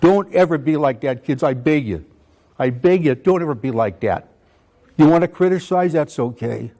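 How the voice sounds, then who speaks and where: A man's voice: a little high, moderate pace, warm tone. A man in his eighties giving an impassioned talk to students, pleading and repeating phrases for emphasis. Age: 80s. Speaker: veteran speaker at a school.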